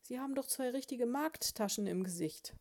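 A woman's voice: fairly high pitch, lively intonation, moderate pace, darkish tone, voice pushed up. A woman voicing a poor, hungry little female mouse who pleads and wails her laments. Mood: pleading. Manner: wailing, pleading, sobbing lament. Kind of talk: audiobook character voice.

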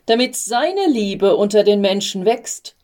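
A woman voicing a patient male archangel in a storybook reading, with a calm, measured, reassuring manner. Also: medium pitch, natural voice.

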